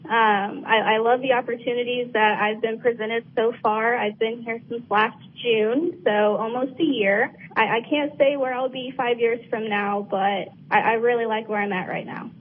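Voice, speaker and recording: Young American female guest, conversational, slightly high pitch, phone-like sound with faint noise. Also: fairly even intonation, moderate pace, few pauses. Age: early 20s. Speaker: interview guest. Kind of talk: informal interview conversation. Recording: noisy phone-like line.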